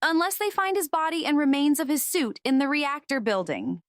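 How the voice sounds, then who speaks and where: A woman's voice: high-pitched, lively intonation, normal speed, no room sound, studio quality. A woman voicing an earnest, precise young cartoon woman in scripted dialogue. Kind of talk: scripted fan-dub reaction dialogue.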